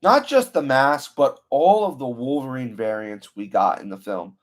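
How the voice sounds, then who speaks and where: A man's voice: mid-range voice, expressive, normal speed. A man hosting his own channel, talking through a film in a casual, enthusiastic way, full of "you know" and "like" fillers. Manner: enthusiastic, rambling with many fillers. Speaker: channel host. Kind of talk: casual movie review talk.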